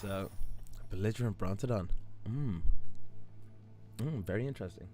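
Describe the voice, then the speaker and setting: An Irish man streams a game in loose, rambling chat, full of ums and self-corrections. His voice is hoarse and sits low in pitch. Faint music plays quietly behind him. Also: lively intonation, normal speed. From Ireland. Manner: rambling, many fillers and restarts, chuckles often. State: hoarse, voice stuck in a low register. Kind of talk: casual live-stream commentary.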